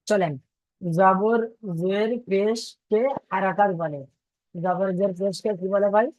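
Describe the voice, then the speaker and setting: A man's voice: sits high, fairly even intonation, takes it slowly, a little mellow, no echo. A man teaching Arabic letter reading in an online class, patiently repeating each point and quizzing his students over a video call.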